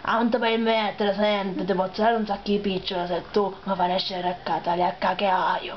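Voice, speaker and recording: A scheming old hunchback from a cartoon dungeon acted out in a fan dub, with a strong Sicilian accent. The old man wheedles and bargains in homely dialect, pitched high for the part. The sound is muffled with faint hiss, like a homemade dub. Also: flat delivery, a little fast, lightly acted. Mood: wheedling. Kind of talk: amateur comic dialect dub of animated film. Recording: dull lo-fi noisy home dub.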